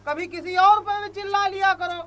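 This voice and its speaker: A woman's voice: very high-pitched, fairly even intonation, normal speed, a bit bright. A woman playing a grumbling, rustic father of the family. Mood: puzzled.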